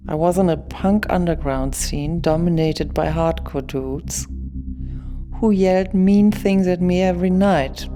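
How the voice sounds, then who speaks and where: In a radio play, a woman with a low, warm voice plays a weary former punk singer. She delivers a measured, reflective monologue.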